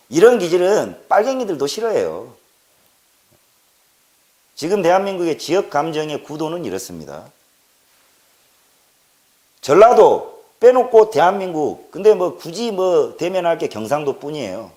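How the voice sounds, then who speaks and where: A man's voice: on the high side, big pitch swings, normal speed, pauses often, dark tone. A man from Jeolla delivering an impassioned political monologue, stressing points by repeating words and asking rhetorical questions. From Jeolla, South Korea. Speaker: political commentator.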